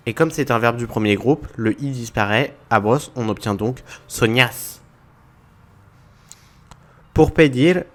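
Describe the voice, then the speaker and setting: A man explaining a language point to viewers in a methodical lesson, walking through examples one by one. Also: mid-range voice. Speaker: language teacher.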